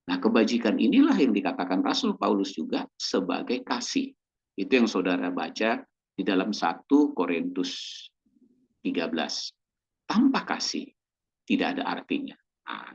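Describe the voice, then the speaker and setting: Husky pastor preaching with lively pitch. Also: male voice, highs cut off. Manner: conversational, checks in with the congregation; acts out short quoted voices. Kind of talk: sermon.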